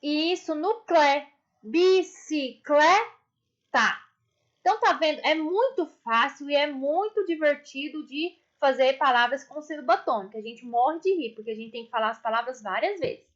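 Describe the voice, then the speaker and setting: Brazilian woman, primary teacher, high and unhurried, affectionate with kids, muffled home recording. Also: expressive. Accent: Brazilian Portuguese. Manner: affectionate, drawn-out explanations for children. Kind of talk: online class lesson. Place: indoors, construction noise nearby.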